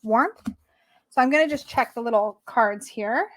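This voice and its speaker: Gushing, excitable woman reviewing tarot decks. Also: on the high side, measured pace, no room sound, studio quality. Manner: gushing, excitable, drifts into soft murmurs. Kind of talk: casual deck flip-through chat.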